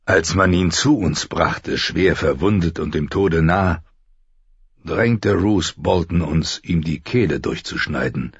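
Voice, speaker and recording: A man's voice: low-pitched, breathy edge, no room sound, muffled recording, full character voice. A man voicing a stern honorable lord. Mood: firm. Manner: measured, cool, firm. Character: stern honorable male lord, middle-aged.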